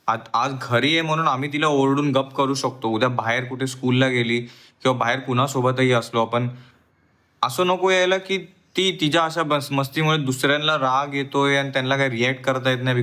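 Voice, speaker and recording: A man's voice: medium pitch, sharp tone. A man in a home vlog, a father lecturing his small daughter sternly and mixing in English words. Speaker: family vlogger and father. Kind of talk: home vlog, scolding a toddler. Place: at home indoors.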